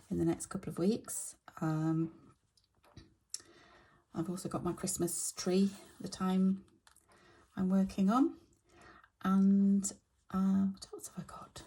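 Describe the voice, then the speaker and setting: A middle-aged woman talks her way through her stitching in a relaxed, rambling way, full of ums and small pauses. Her voice sits a little low, mellow and dark. It is slightly husky and croaky. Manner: chatty, halting with many fillers. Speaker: stitching vlogger. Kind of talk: casual narration while stitching.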